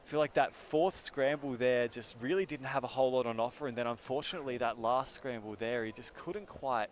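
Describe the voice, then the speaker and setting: A man calling a live competition at a medium pitch. He talks in a chatty, bantering way, slipping into slang and jokes between the action. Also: brisk, slight background noise. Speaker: commentator. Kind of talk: live event commentary.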